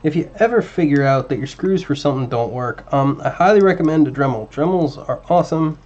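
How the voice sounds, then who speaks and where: A man hosting a casual livestream while building a drone, chatting with viewers and muttering to himself as he works, his voice slightly hoarse. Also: on the high side, fairly quick, lo-fi sound. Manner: relaxed, chatty, muttering at parts while working.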